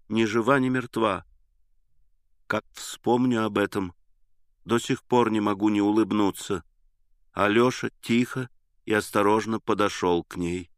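A man reading a story aloud in measured, even scripted narration. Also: fairly low pitch, dry recording, studio quality. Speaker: audiobook narrator.

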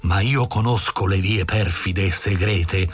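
A man's voice: low-pitched, soft background music. Man putting on a pompous sanctimonious baker. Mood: stern, accusing. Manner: slow, grave, sanctimonious. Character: pompous self-righteous male baker, middle-aged.

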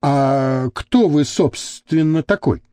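A man's voice: on the high side, slow, dark tone, no room sound, clean studio sound. A man reading the part of a meddling male journalist who keeps interjecting with questions. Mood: questioning.

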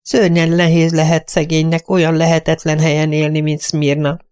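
A man's voice: on the high side, monotone, a little mellow, clean tone, voice pushed up, close to an everyday voice. A man voicing a fluttery, timid middle-aged female companion who talks in breathless, apologetic bursts. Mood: sentimental.

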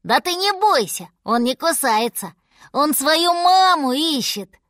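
A woman's voice: high-pitched, expressive, slow pace, fairly bright tone, no room sound, clean studio sound, pitched above the performer's own voice, heavily acted. A woman voicing a cocky, mocking little male bear cub who talks bossily, in an audiobook fairy tale. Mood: lively. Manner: mocking, bossy.

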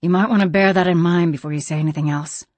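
A woman's voice: on the low side, steady tone, fast, darkish tone, no room sound, close to an everyday voice. A woman reading an audiobook, voicing a blunt, plainspoken frontier woman. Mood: tense. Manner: terse and plainspoken.

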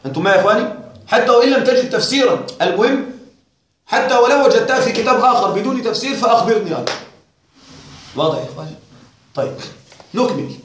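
A man's voice: very high-pitched, lively intonation, rapid-fire, long pauses, a little hiss or hum. A male teacher giving a classroom lecture on a grammar text, questioning and wryly puzzled as he talks straight to his students. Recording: very echoey room.

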